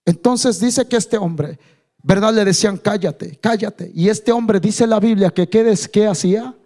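Male pastor, high voice, language sermon, swells to loud fervent peaks. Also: normal speed. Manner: preaching with rising shouted climaxes, addressing listeners as brother.

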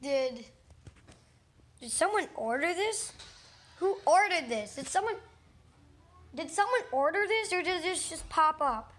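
A woman hosting a casual toy unboxing vlog, narrating chattily and excitedly. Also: very high-pitched, unhurried, pauses often.

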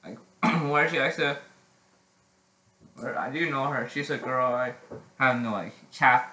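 A teenage boy chatting casually in a vlog, halting with many restarts and frequent throat clearing. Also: medium pitch, bright, forceful tone, reverberant, slight background noise, poor audio. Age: teens. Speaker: vlogger.

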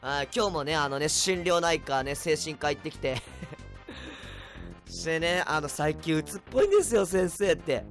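A man chatting on a casual home livestream, a bit tipsy, reading comments with a rambling, erratic manner and sudden loud outbursts. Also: fairly high pitch, huge pitch swings, unhurried, gravelly, soft background music. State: tipsy from drinks. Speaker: livestreamer, band vocalist. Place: at home, indoors. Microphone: cheap desk mic.

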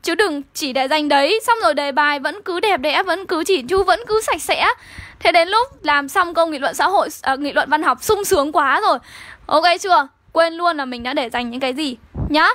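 Bright high-voiced Northern Vietnamese woman teacher. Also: animated, moderate pace, no echo. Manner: coaxing, keeps checking in with students. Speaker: literature teacher. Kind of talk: online exam-review lesson.

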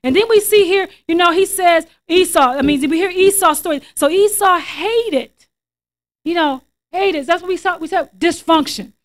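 High-voiced woman pastor preaching. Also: normal speed. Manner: repeats words, reads scripture aloud with emphasis. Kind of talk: sermon.

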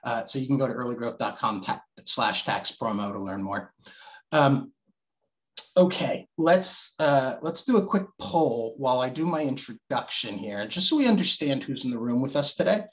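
Man hosting webinar, mid-pitched voice, loose delivery, lots of uh and um. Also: animated, moderate pace, rough recording. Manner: loose, filler-heavy, restarts phrases. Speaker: webinar moderator. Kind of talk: hosting a video call panel. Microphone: video call.

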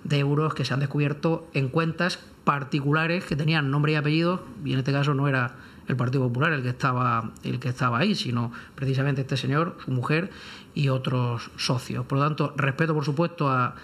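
Medium in pitch, steady and fairly bright, the lawyer's voice runs a little fast over a slight hiss or hum. Speaking off the cuff at a round-table debate, he offers legal commentary in measured, formal wording broken by frequent hesitations.

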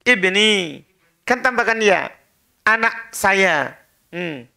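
A man's voice: sits high, expressive, slow, gravelly, bright, forceful tone. A man teaching an Arabic class, drilling his students with patient, repeated prompts and corrections. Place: prayer room classroom.

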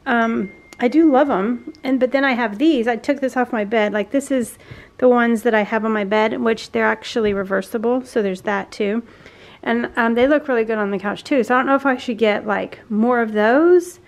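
A woman's voice: fairly high pitch, normal speed. A woman in her forties with a Southern American accent, chatting casually and rambling through a home vlog, filmed at arm's length in her living room. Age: 40s. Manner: chatty, rambling with many fillers and restarts. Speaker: home vlogger. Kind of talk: casual chat. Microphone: handheld camera at arm's length.

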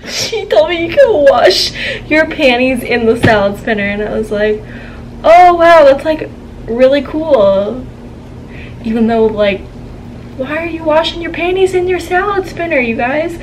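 A woman's voice: high voice, lively intonation, unhurried. A young woman vlogger in casual haul chat at home, talking to a camera, chatty and giggly as she tells stories. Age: young adult. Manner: chatty, giggly, gossipy storytelling. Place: home room, indoors. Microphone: camera on a tripod, seated. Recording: noisy home room.

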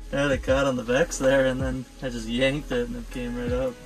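A young man giving casual play-by-play while ice fishing, often murmuring quietly as he reels fish in, recorded inside an ice fishing shelter by a wide camera. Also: wildly swooping pitch, normal speed, soft background music, low-quality recording. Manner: laid-back, often murmured low while reeling in fish. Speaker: fishing vlogger.

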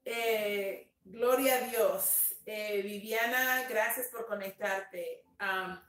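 Slow-talking woman pastor, echoey room. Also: mid-range voice, a bit bright, distant mic. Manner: slow, tender, mixes in English words. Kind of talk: livestream testimony and greetings. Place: home room, dim. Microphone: phone on a live stream.

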